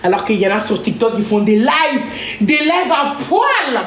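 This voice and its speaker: A woman's voice: on the high side, big pitch swings, moderate pace, distant mic. A woman chatting casually on a live stream from her home kitchen, playful and chatty, often singing to herself. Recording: echoey room with background noise.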